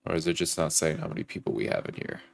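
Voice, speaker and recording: A young livestream trader with a bass voice races through casual chat, creaky and nasal from a stuffed-up nose and sore throat. He shouts out viewers by name and hypes up the likes.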